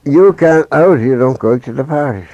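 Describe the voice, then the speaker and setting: A man voicing a bold, cunning young woman in a folk tale, in halting dialect speech, on a dull lo-fi recording. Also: medium pitch, dark tone, no echo, pitched above the performer's own voice, lightly acted. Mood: coaxing.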